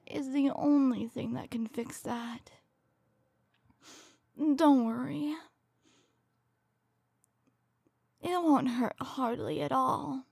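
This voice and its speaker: Woman playing soothing female killer, ASMR role-play, very slow hushed delivery, breathy with creaky edges, coldly tender. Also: on the high side, dry recording, studio quality, heavily acted. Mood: pitying, then sinister soothing. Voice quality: breathy, soft. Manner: slow, hushed, soothing, comforting someone resting in her lap.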